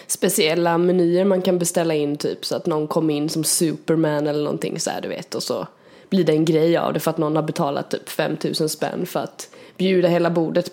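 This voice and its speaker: A woman co-hosting a podcast, chatting casually and telling an animated story with frequent laughter. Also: fairly low pitch. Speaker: podcast co-host.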